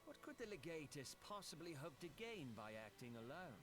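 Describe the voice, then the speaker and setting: A man's voice: on the high side, very animated, normal speed. A man playing an uneasy, doubting young imperial soldier in a video game. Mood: doubtful. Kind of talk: video game cutscene acting.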